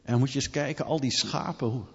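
A preacher doing a greedy soldier talking his king round, matey and coaxing. The husky voice sounds dull and roomy, with a long reverb. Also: medium pitch, fairly quick.

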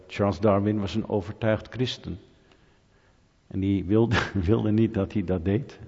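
A man preaching to his congregation, throwing rhetorical questions at the room and teasing people in the pews. His voice sounds slightly husky and rings out with a long reverb through a church hall. The sound is dull and muffled. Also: mid-range voice. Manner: lively, rhetorical, asks the audience questions, jokes with them. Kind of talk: sermon.

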